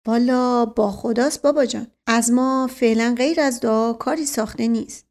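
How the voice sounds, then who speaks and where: A wry, easygoing older nobleman who teases in relaxed banter, read by a woman narrator. The voice stays fairly high for him. It comes across as a storybook figure. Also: lightly acted. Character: easygoing older male prince, wry and teasing. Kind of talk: audiobook character reading.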